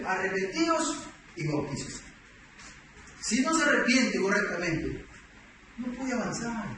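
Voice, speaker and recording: A man, emphatic and full of rhetorical questions. He is recorded from a distance in a large church hall, with a strong echo and a constant background noise. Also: high-pitched. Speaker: preacher teaching doctrine. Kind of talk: sermon.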